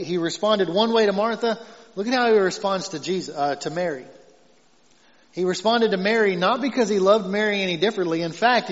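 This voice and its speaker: A male pastor preaching a conversational sermon, moving from emphatic points to soft, tender passages. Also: on the high side. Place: church sanctuary. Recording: dull sound in a reverberant hall.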